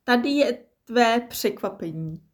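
A woman voicing an eager, polite tortoise in a storybook reading, raising her voice high and bright for the part. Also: close to an everyday voice. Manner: excited, polite. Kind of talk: storybook narration.

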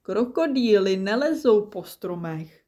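A woman's voice: mid-range voice, animated, mellow, lightly acted. A woman voicing a young girl crocodile in a children's story, whiny and pleading. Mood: insistent.

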